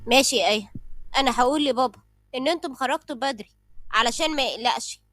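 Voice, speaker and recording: A woman's voice: high voice, very fast, fairly bright tone, no room sound, faint music behind. A woman voicing an anxious young Egyptian sister. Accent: Egyptian Arabic. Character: young sister, eager and worried.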